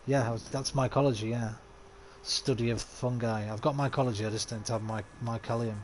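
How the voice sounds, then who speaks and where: A brisk, steady-toned man with a mid-range voice streams a game over background noise while suffering a sore throat. Between reading the game's dialogue aloud, he swears offhandedly and chats casually with his viewers.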